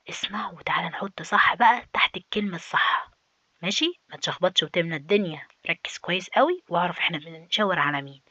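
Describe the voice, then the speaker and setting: A woman with an Egyptian Arabic accent teaches young children English, drawing out English words slowly and coaxing them along. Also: medium pitch, pushed and bright, no echo, dull audio. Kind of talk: children's lesson, explaining a textbook.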